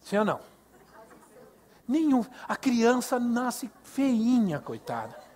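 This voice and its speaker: An older man with a Brazilian Portuguese accent preaches a sermon at a youth service, telling stories, acting out dialogue, and asking the congregation questions. He is animated, speaking slowly in an extremely high-pitched voice.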